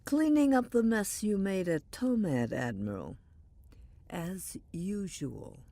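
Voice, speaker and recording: Female starship captain, acted by a woman: authoritative, dry wit, gravelly edge, sci-fi radio play. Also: mid-range voice, expressive, slow, dark tone, dry recording. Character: commanding, dryly witty female starship captain. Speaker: voice actor. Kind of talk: science fiction audio drama acting.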